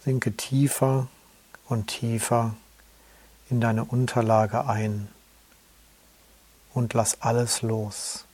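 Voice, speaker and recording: A man leads a guided yoga nidra relaxation. His pace is very slow, with long pauses, and his voice stays calm and soothing at a middle pitch. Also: breathy edge.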